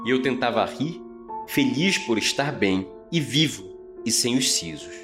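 A man narrating a scripted story podcast as its host, with a measured, theatrical delivery. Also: mid-range voice, lively intonation, over music. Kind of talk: dramatic first-person scripted narration.

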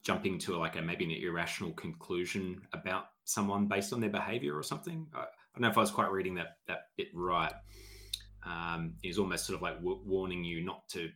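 A man's voice: deep voice, a little fast, sharp tone. A man in a casual book discussion, offering ideas tentatively with frequent restarts.

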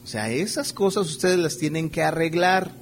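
A man's voice: on the high side, animated, normal speed, slight background noise. A man preaching a conversational sermon, checking in with his listeners through rhetorical questions and playfully acting out everyday scenes. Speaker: pastor.

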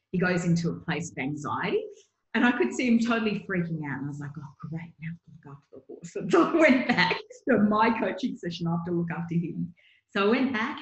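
A woman's voice: lowish voice, dull audio. A middle-aged woman, a guest coach telling a personal story in an earnest, chatty way with many fillers. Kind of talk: casual interview storytelling. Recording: echoey room.

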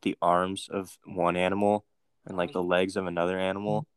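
A man's voice: low voice, little pitch movement, normal speed. A young man co-hosting a podcast in casual chat, rambling and goofy, leaning on filler words as he searches for ideas. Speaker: podcast co-host.

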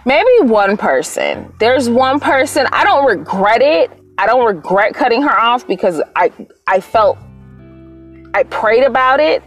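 Candid, profane young woman telling stories. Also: mid-range voice. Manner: candid, profane, animated retelling. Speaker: podcast host. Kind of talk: casual storytelling monologue.

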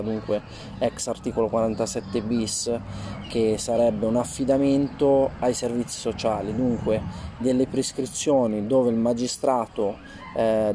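A man giving informal, halting testimony as an interview guest outdoors, rephrasing as he goes, his voice slightly muffled by a face mask. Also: mid-range voice, dark tone. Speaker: interview guest telling personal experience. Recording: faint outdoor ambient noise. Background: outdoor ambient noise.

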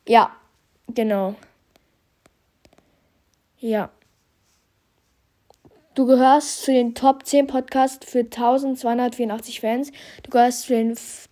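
The voice is medium-pitched with a darkish tone, belonging to a young podcaster whose slight head cold leaves him stuffy. He chats casually through the year in review, reading out statistics in youthful slang.

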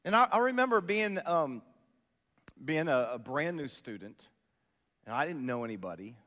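Male pastor, forties, high-pitched, animated storyteller with plenty of rhetorical questions; live sermon in a hall with long reverb. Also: moderate pace. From Columbus, Ohio.

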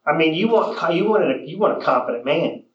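A man's voice: a little high, expressive, a little fast, muffled recording. A man coaching a group of real estate agents in a training session. He speaks directly and keeps checking in with the room for agreement. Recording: echoey room.

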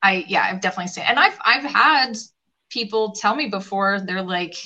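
A woman leadership coach in a podcast interview, talking in a lively way and acting out what other people say. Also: mid-range voice, normal speed, muffled recording. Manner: animated, acts out quoted voices.

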